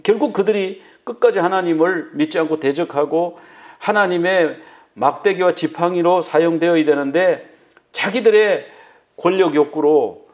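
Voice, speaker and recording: A male pastor preaching a sermon, dramatically acting out the words of biblical figures. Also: fairly high pitch. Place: church.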